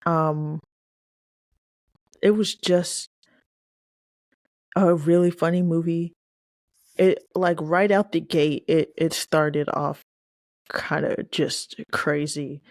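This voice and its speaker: A woman co-hosting a casual movie review podcast, chatty and quick to laugh. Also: deep voice, fairly even intonation, a little mellow, no echo, studio quality. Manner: chatty, laughing, acts out quoted lines. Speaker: podcast co-host.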